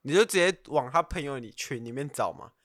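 A man's voice: mid-range voice, animated, brisk, a bit bright, no room sound, clean studio sound. A man, a guest giving brash, coarse dating advice in a casual podcast chat, laughing often. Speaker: guest, pickup coach.

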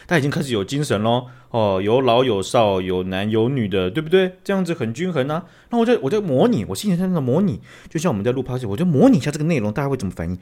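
A man co-hosting a casual podcast, telling stories in an animated, teasing way. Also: medium pitch, fast, few pauses. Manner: animated, teasing storyteller who acts out scenes. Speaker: podcast co-host. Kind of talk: casual chat.

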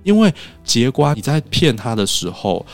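A man's voice: mid-range voice, moderate pace, faint music behind. A man from Taiwan, a podcast guest telling stories in casual chat and acting out what people said. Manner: animated storyteller who acts out quoted dialogue.

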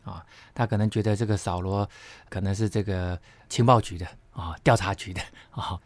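A man's voice: lowish voice, steady tone, normal speed, no room sound. A man teaching a Bible study lesson, explaining step by step with frequent tag particles and emphatic asides.

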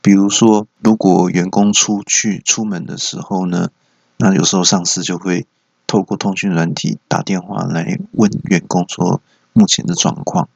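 A man's voice: low voice, fairly even intonation, moderate pace, vocal fry, husky, no echo. A man hosting a comedy podcast, telling stories with teasing asides. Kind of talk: comedic storytelling monologue. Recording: dull lo-fi recording.

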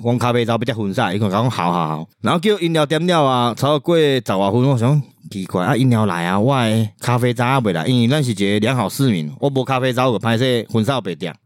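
A man's voice: medium pitch, expressive, quick pace, few pauses, dry recording, studio quality. A man with a Taiwanese accent co-hosting a podcast, telling stories in a colloquial mix of dialect and Mandarin. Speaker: podcast co-host. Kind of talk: casual storytelling chat.

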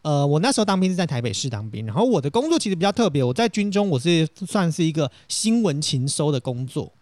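Young taiwanese guy rattling off a story super fast, voice jumping all over, kinda high, dry close sound. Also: no room sound. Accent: Taiwanese Mandarin. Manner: animated, self-dramatizing, laughs while telling. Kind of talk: casual storytelling chat.

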